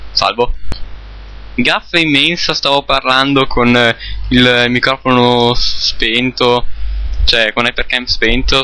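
A man's voice: medium pitch, bright, forceful tone, clean tone. A man giving casual, rambling gameplay commentary, often correcting himself, recorded on a cheap computer microphone. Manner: rambling, self-correcting, halting. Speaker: gamer recording a let's play. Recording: cheap mic, faint noise, clicks.

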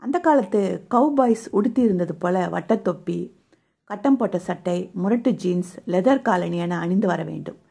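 A woman narrates a romance audio novel at a steady storytelling pace. Her voice is husky and gravelly, with a mellow, dark tone. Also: medium pitch, moderate pace.

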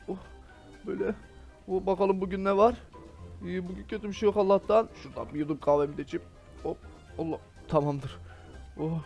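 A man playing a Minecraft role-play character, excitable and full of exclamations, talking straight to his viewers. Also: high voice. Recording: faint background music.

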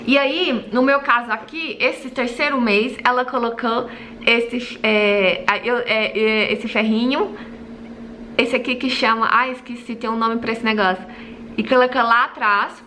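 A woman chatting casually on her vlog while wearing clear dental aligners, talking with a slight lisp, many restarts and fillers. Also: fairly high pitch, fairly even intonation, unhurried, sharp tone, a little hiss or hum. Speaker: vlogger.

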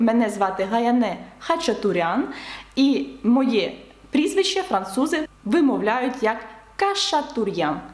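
A woman teaching beginners, her voice sitting a little high as she explains each point with emphasis and repeats examples slowly. The sound rings out in a room with clear echo. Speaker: French teacher. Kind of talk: online lesson for beginners.

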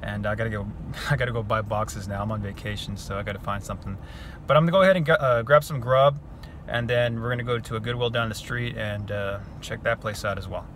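Quick and low-pitched over background noise, a man in his thirties gives laid-back vlog narration stuffed with filler words. He's a sneaker reseller filming on a phone at arm's length in a parked car and retail stores.

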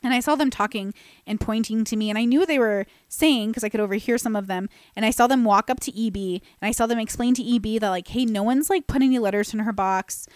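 A woman's voice: fairly high pitch, fast, darkish tone, dry recording. A young woman from California hosting a podcast, telling a personal story in a chatty, self-deprecating way with frequent restarts and fillers, close to a studio microphone. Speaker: podcast host. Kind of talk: casual storytelling monologue. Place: bright room with plants. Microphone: boom-mounted studio mic close to mouth.

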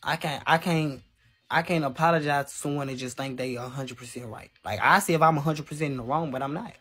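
A man's voice: a little high, fast, a bit bright, husky. A man in his twenties talking casually to viewers on a live stream, answering chat in a candid, defensive way, from a phone at arm's length in a small room. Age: 20s. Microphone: phone held at arm's length.

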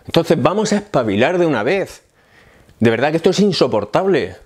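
Man, YouTube vlogger, heated monologue to camera, repeats himself and builds to shouts. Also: on the high side, big pitch swings, fairly quick, slightly rough. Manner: fiery, repetitive, rising to shouts of indignation. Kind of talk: impassioned political monologue to camera.

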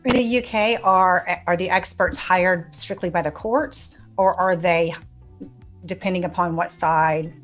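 Middle-aged American woman, slightly low voice. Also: unhurried, faint music behind. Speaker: forensic psychologist in conversation. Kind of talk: casual interview chat. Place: indoor office on a video call.

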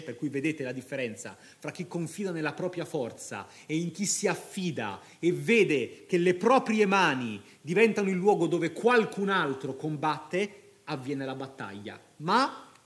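Impassioned man lecturing on a poem. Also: a little high. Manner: impassioned, moved, rhetorical asides to the audience. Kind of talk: lecture with dramatic reading.

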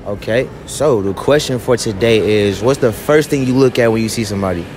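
A man's voice: on the low side, a little fast, darkish tone, a little hiss or hum. A young man hosting street interviews in a shopping mall, talking casually in slang into a phone. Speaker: host. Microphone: phone held to mouth.

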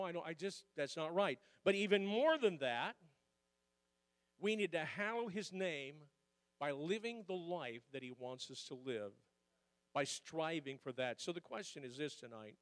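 A man preaching a sermon as pastor, at times quiet and at times building to loud, emphatic calls for the congregation to join in. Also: a little high, no room sound, in a large hall.

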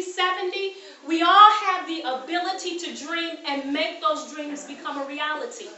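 A woman's voice: extremely high pitch, sharp tone, echoey room, distant mic, slight background noise, poor audio. A woman from the United States giving a keynote speech at a graduation, emphatic, repeating key phrases and putting questions to the audience. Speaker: keynote speaker. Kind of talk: motivational speech. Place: graduation ceremony room.

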